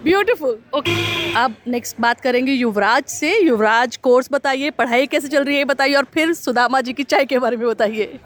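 A woman's voice: sits high, moderate pace. A woman hosting street interviews at a city tea stall outdoors, effusive and encouraging with the people she meets. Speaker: host.

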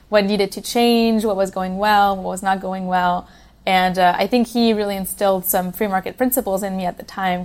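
A young Swiss woman who works as a policy program manager appears as a guest on a podcast for a casual interview. She talks in an easy, conversational way, filling her pauses with ums and you-knows. Her pitch sits in the middle range.

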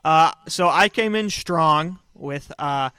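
Rambling, deadpan podcast host man. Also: fairly high pitch, takes it slowly, clean tone, dry recording. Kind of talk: casual chat. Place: small room on a couch.

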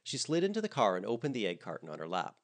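A man narrating a comedic story in a wry, expressive way. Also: on the low side, fast talker.

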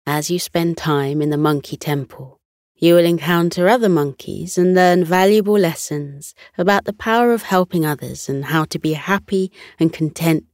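A woman gently narrating a children's bedtime meditation and story in a soothing, coaxing, unhurried way. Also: low voice, no room sound, studio quality.

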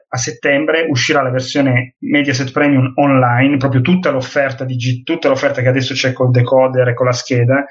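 A man chatting casually on a group call, rambling and swearing offhandedly, heard over a muffled online call line. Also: mid-range voice. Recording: dull lo-fi call audio.

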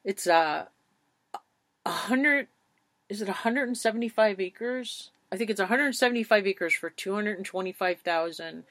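A woman's voice: mid-range voice, normal speed, a bit bright, no echo. A woman hosting a podcast, talking in a chatty, rambling way and laughing often. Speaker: podcast host. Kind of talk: casual interview chat.

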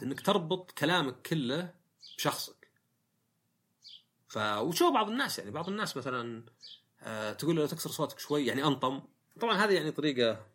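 A man's voice: mid-range voice, a bit bright, breathy edge. A man hosting a casual monologue podcast, reflective and rambling, with frequent fillers and self-corrections. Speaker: podcast host.

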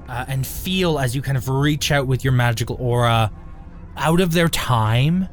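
A man improvising tabletop game narration as game master, descriptive and halting, with drawn-out pauses. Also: mid-range voice. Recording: faint music behind.

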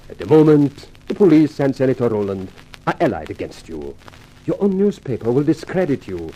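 A male voice of medium pitch, lilting, mellow and husky, with big pitch swings, performs a suave scheming racketeer in a 1950s radio drama. The character, a coolly courteous European adagio dancer, speaks with smug menace in formal, measured, urbane phrasing. The audio is poor.

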